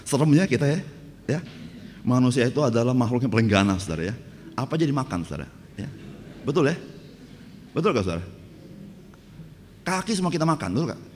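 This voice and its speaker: In a church hall, a male pastor preaches through humorous stories, asking the congregation, "right, brothers and sisters?" His medium-pitched voice swings widely in pitch, and he talks fast with frequent pauses, growing louder and more fervent as he goes. The recording carries church hall reverb and faint background noise.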